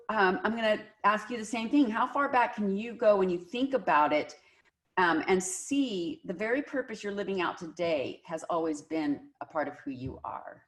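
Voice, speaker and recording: A woman hosting a relaxed faith-centered podcast interview. Her voice sits a little low for a woman. She asks her questions gently and encourages her guest. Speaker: podcast host. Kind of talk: casual faith-based interview.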